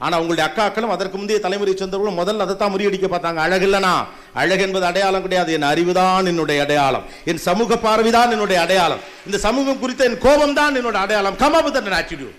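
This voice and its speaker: A middle-aged man with a Tamil accent gives an impassioned motivational talk to young women, firing rhetorical questions and swinging between loud and soft. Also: sits high. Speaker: TV host giving a motivational talk.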